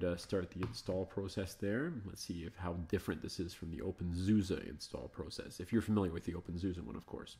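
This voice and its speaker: A man with a somewhat low voice talks through a live screen demo. He thinks aloud in a loose, chatty way, coaxing stalled programs with friendly asides to viewers. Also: fairly bright tone. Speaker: host of a live Linux show. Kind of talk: casual live screencast commentary.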